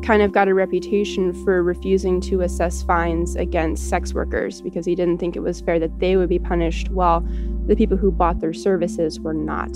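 A woman speaking as an expert interviewee, explaining history in a conversational way. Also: lowish voice.

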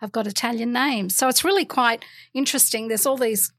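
A woman's voice: on the high side, a little fast, dry recording, clean studio sound. A woman with an Australian accent chatting casually about travel, with lots of ums and easy laughter. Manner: chatty, hesitant with many ums, laughs easily. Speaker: travel guest. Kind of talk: casual chat.

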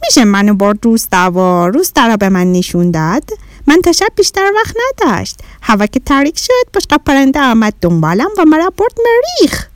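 A woman's voice: sits high, big pitch swings, no room sound, studio quality, pitched above the performer's own voice. A woman voicing a small, friendly Martian boy who talks in broken, childlike grammar in a children's story. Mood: eager.

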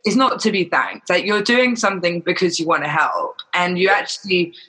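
A man's voice: high voice, moderate pace, bright, forceful tone, breathy edge, poor audio. A man chatting casually and frankly, explaining his views and acting out imagined quotes as he goes. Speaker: charity volunteer. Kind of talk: casual chat.

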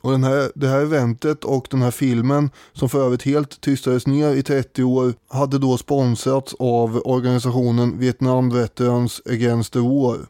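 On this casual history podcast, the co-host has a warm, mellow, mid-range voice and a level tone. He's thoughtful and hesitant with plenty of fillers, yet few real pauses; the close recording has no echo.

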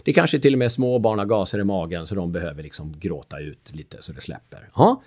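A man, a father, explaining relationship roles in an animated chat, acting out quotes and laughing often. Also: low voice. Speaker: speaker on the drama triangle, a father.

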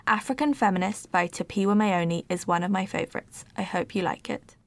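A woman's voice: medium pitch, a little fast, no room sound. A woman introducing the next piece of an audiobook with enthusiasm.

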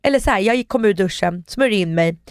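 A woman's voice: mid-range voice, lively intonation, clean tone, dry recording, clean studio sound. A woman co-hosting a podcast, chatty and telling everyday stories. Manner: chatty storyteller, raises voice sharply when quoting herself. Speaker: podcast co-host. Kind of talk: casual chat.

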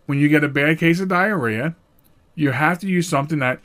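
A middle-aged solo podcaster speaks a little fast, rambling with animation. He repeatedly starts over and punctuates his emphasis with sudden leaps in pitch.

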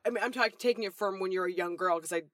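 Woman podcast co-host, mid pitch, dry close mic, thoughtful and affirming. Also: racing, a bit bright, no room sound. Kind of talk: casual conversational podcast.

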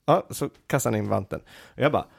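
A man's voice: mid-range voice, gravelly. A man co-hosting a casual chat podcast, telling long anecdotes full of fillers and restarts. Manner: rambling anecdotal storytelling with many fillers. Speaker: podcast co-host.

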